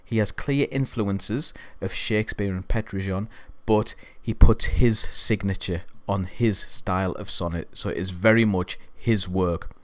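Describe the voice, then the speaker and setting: A man's voice: fairly low pitch, normal speed, dry recording. A man teaching an exam-prep poetry lesson, explaining things patiently and repeating key points. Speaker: English tutor. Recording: dry, phone-like lo-fi sound.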